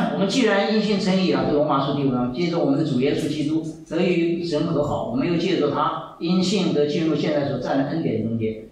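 A man in his seventies preaching a sermon, telling stories with lively, repeated phrases. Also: on the high side. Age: 70s. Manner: animated storytelling, repeats phrases. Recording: echoey hall, mic far off, faint ambience.

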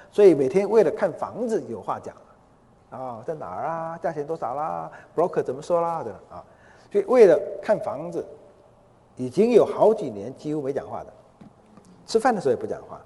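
A male preacher telling a story during a sermon, animated, acting out the people he quotes, in a large hall. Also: on the high side, husky. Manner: animated, acts out the quoted speakers. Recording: long hall reverb.

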